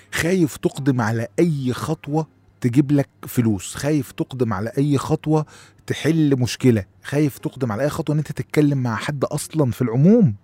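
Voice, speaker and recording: A man with an Egyptian accent talks quickly and casually in a motivational monologue, speaking straight to his listeners. His voice is warm and mellow, recorded close and dry. He now and then mimics an anxious, fretful inner voice. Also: mid-range voice, dry recording. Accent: Egyptian Arabic.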